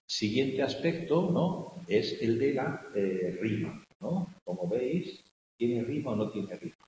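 Spanish teacher lecturing in an echoey room. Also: male voice, mid-range voice, sing-song, takes it slowly. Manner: keeps asking "¿no?" to check on the class; chants vowels loudly when scanning verse. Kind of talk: classroom lecture on poetic meter. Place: classroom. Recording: echoey hall with faint hiss, mic far off.

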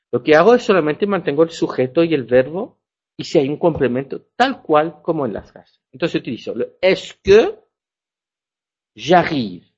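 A man's voice: a little high, husky. Man teaching in a lo-fi recording. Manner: explanatory, checks understanding with "ya". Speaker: French teacher. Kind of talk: classroom lecture. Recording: dull lo-fi sound.

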